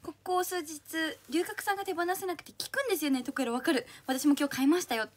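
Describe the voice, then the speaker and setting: A young woman with a slightly husky, strained throat, hosting a livestream in a bubbly, cutesy way, reading out and thanking commenters. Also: sits high, animated, fast. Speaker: idol livestream host.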